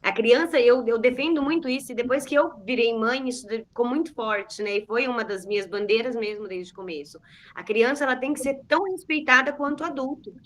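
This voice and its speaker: A mother speaks with conviction over a video call, her fairly high voice driving each point home. She talks in a casual, earnest way. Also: brisk. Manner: earnest, passionate about children's rights. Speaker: mother in a church group. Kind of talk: casual discussion in an online meeting.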